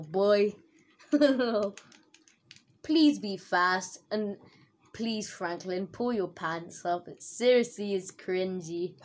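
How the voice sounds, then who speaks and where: A woman giving casual, giggly commentary over her own gameplay, laughing often and dropping internet slang. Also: medium pitch. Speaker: gaming video host.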